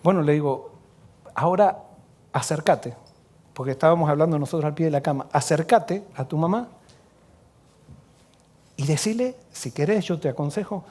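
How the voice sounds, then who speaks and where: High-voiced Rioplatense pastor preaching softly. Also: male voice. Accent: Rioplatense Spanish. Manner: earnest, drops to soft hushed tones when quoting. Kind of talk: sermon storytelling.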